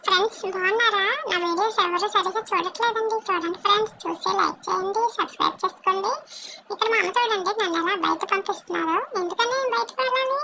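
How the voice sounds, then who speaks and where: A woman's voice: very high-pitched, fast talker, crowd noise, voice pushed up. A woman voicing a cheeky young male pet dog that talks to viewers like a complaining child. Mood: chatty complaining.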